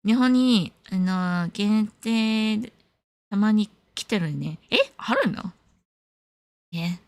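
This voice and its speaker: A woman's voice: mid-range voice, slow, no echo. A young woman from California, chatting casually as a stream host, switching between Japanese and English and laughing often. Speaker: livestream host. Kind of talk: casual chat answering viewers.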